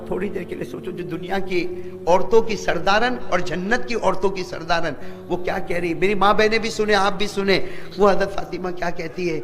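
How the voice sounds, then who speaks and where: A male preacher telling a sacred story in an emotional sermon, pressing his listeners with questions. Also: high-pitched. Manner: impassioned, asks the audience rhetorical questions. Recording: long hall reverb.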